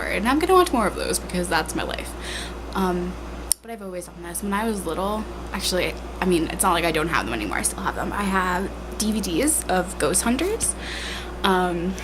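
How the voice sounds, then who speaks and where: A young woman vlogs casually at home, rambling to a handheld camera held at arm's length. Her voice is fairly low, congested, and tired, yet animated at a moderate pace, full of fillers like "like" and "um" and self-deprecating chatter. The background is noisy.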